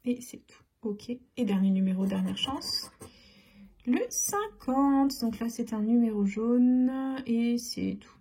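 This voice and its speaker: A woman casually talking through a scratch-card game, giving chatty running commentary that often drops to a soft near-whisper. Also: on the high side, fairly even intonation, measured pace, slightly rough. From France.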